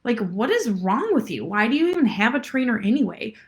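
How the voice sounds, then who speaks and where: A woman's voice: fairly high pitch, very animated, fairly quick. A woman acting out a mean female personal trainer who harshly belittles her client. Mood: scornful.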